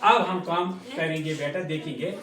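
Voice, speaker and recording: A man's voice: a little high, normal speed, crowd noise. A male science teacher lectures a class, repeating key words and prompting students to say them back. He is recorded from across an echoey room, his voice distant and reverberant.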